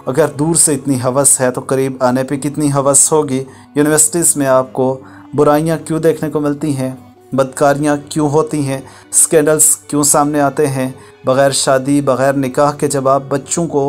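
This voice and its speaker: A man narrating a voice-over commentary in a preachy, lecturing tone, using formal religious phrasing. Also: a little high. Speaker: channel host narrating a viral video.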